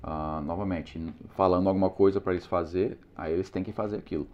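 A man teaching parents in an earnest, moralizing way, pausing often with hesitant fillers. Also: low voice, steady tone, a little mellow. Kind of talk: preachy instructional talk. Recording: slightly dull lo-fi sound.

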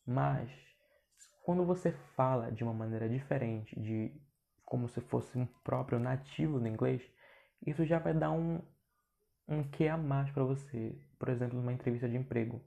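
A man's voice: medium pitch, moderate pace, gravelly, mellow, muffled recording. A Brazilian man with a Brazilian accent, hosting a podcast and giving a chatty, informal English pronunciation lesson with many restarts. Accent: Brazilian Portuguese. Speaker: podcast host and English teacher.

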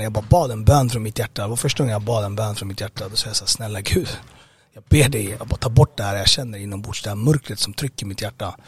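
Man, husky voice, hesitant speech full of fillers, personal testimony, interview guest. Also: mid-range voice, a bit bright. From Sweden. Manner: hesitant, many fillers and restarts.

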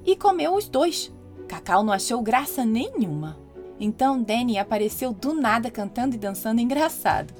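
Woman reading a kids story, pitch bouncing all over, soft music behind. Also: normal speed. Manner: warm, lively storytelling. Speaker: storyteller and podcast host. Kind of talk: children's story narration.

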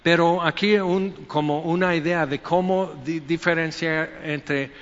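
Animated male preacher in an echoey hall. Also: a little high, measured pace. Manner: conversational, animated preaching with quoted asides. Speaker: pastor. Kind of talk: sermon. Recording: echoey hall, dull lo-fi sound.

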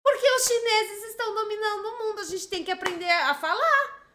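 A Brazilian woman co-hosting a casual livestream chat, animated and teasing and quick to scold her partner. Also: extremely high pitch. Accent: Brazilian Portuguese. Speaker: livestream co-host.

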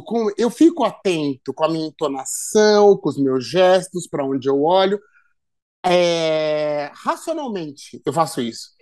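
A man's voice: sits high, a little mellow. A man with a Brazilian Portuguese accent, hosting a podcast in casual chat, addressing listeners and often stumbling over repeated words. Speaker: podcast host.

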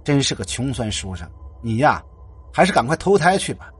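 Man playing a brash mocking young guy, blunt and loud, husky voice, lively pitch. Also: normal speed, faint music behind. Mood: teasing.

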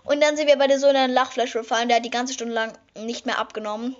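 A chatty teenage girl talks her way through a makeup routine, rambling casually and now and then jumping into high squealing excitement. Her voice sits a little high, and the recording sounds dull and lo-fi. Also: fast. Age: teens. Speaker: vlogger. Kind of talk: casual makeup vlog chat.

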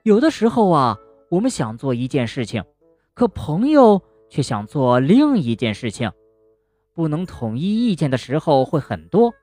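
Woman storyteller, bedtime story, hugely varied melody, lowish voice, dry close sound. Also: normal speed, no echo, soft background music. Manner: gentle, expressive, addressing a child. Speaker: children's storyteller.

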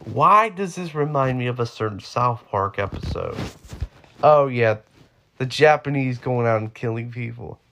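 A young man in his twenties talks through his own podcast alone, drifting from one offhand joke to the next. His voice has a gravelly, fried edge. His pitch rises and falls a lot as he rambles. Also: expressive, unhurried, background noise. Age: 20s. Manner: rambling, offhand, jokey asides. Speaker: podcast host. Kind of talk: solo podcast monologue.

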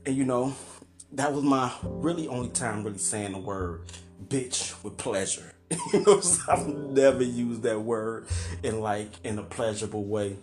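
A middle-aged man, hosting a podcast and telling a story in a loose, profane, animated way, acting out quotes and laughing. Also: mid-range voice, unhurried, music in the background. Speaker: podcast host. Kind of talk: casual storytelling monologue.

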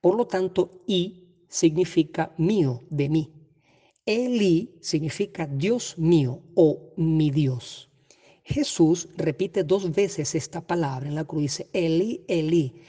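A Bible teacher giving an explanatory lesson at a measured pace, often hesitating and correcting themselves. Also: mid-range voice, warm tone, slightly rough. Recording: long reverb.

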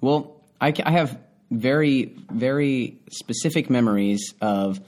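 A young man co-hosting a podcast, easygoing and quick to laugh, with a few stammers. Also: mid-range voice, darkish tone. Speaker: podcast co-host. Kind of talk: casual chat.

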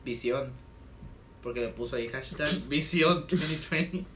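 A man's voice: mid-range voice, normal speed. Young man in an echoey room. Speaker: podcast co-host. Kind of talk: casual slangy chat. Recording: roomy echo, faint noise, clicks.

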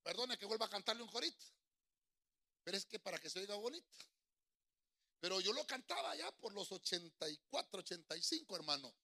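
A man's voice: high-pitched, animated, fairly quick, pauses often, pushed and bright. A middle-aged male pastor preaching, breaking into sung choruses and calling his listeners brother. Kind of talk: lively sermon with singing. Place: church.

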